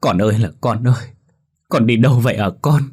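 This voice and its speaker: A man's voice: low voice, fairly quick, darkish tone, husky. A man doing a tearful pleading village mother. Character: frightened village mother searching for her son. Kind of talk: horror story reading.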